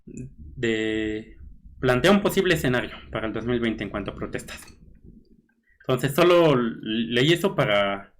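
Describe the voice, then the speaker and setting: A man's voice: medium pitch, animated, a little slow, pauses often. Chatty Mexican man musing aloud. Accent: Mexican Spanish. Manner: conversational, musing with fillers like "este" and "¿no?". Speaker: blogger host. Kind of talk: casual commentary, reading news aloud.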